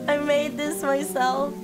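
A woman chats casually on a live gaming stream in a high voice, taking her time between phrases. She is excitable and giggly and swears freely, sounding hoarse from sickness, with game music clearly playing behind her. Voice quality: hoarse, husky from illness. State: sick, coughing.

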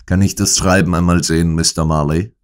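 A man playing a calm, unmoved detective. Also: low-pitched, brisk, close to an everyday voice. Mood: composed probing. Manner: composed, unmoved, probing. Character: calm, sharp-minded male detective. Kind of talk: audiobook character voice.

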